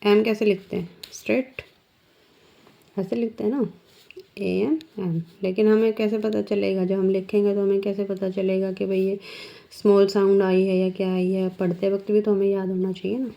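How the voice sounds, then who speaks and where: A woman's voice: mid-range voice, little pitch movement, creaky, warm tone. A woman teacher explaining shorthand step by step, patiently asking her students questions. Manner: slow, patient, asks the class questions. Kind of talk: step-by-step lesson. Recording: dull lo-fi sound.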